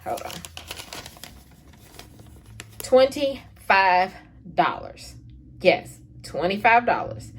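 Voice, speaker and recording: A woman's voice: lowish voice, a little hiss or hum. A woman vlogger casually walking viewers through her shopping haul, calling them y'all and checking in with "okay?" after most points. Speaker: couponing vlogger.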